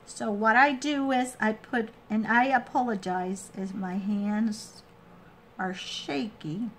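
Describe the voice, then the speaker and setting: Slow, halting woman giving a craft tutorial. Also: on the high side, fairly even intonation, a bit bright, a little hiss or hum, low-quality recording. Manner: halting, trailing off and restating steps. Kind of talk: casual hands-on tutorial, explaining each step.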